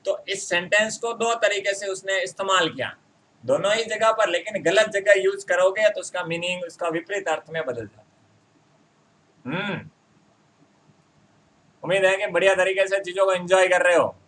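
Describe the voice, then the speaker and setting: Male grammar tutor, high and bright voice, chatty exam-prep teaching that drags out example sentences. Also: rough recording. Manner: addresses viewers as friends, repeats example sentences slowly.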